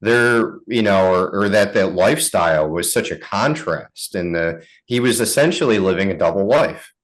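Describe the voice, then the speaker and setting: A father giving an interview, recounting events in a measured, earnest way. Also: low voice, animated, low-quality recording. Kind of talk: interview answers.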